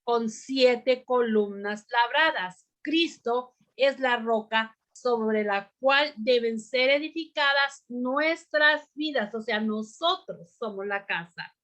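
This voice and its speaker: A woman teaching a bible lesson to a women's group, speaking deliberately and often pausing on "amén" to ask her listeners questions. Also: on the high side, fairly bright tone.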